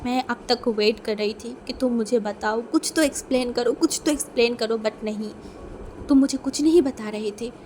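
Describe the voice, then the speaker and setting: A woman's voice: on the high side, fairly even intonation, normal speed, darkish tone, a little hiss or hum, natural voice. A woman voicing a possessive rich young man in a storybook reading, pressing with questions and stammering apologies. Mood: threatening.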